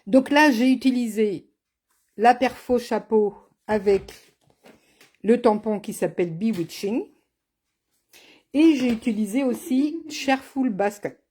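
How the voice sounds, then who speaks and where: A woman's voice: fairly high pitch, a little slow, long pauses, darkish tone. A woman running a live card-making tutorial as a craft demonstrator, chatty and teasing, speaking to viewers by name. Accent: has an accent, not named.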